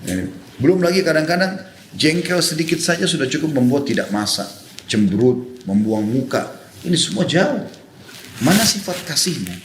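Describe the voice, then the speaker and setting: High-voiced man preaching in echoey room. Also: very animated, normal speed, a little hiss or hum. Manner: earnest, conversational preaching. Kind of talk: sermon to women.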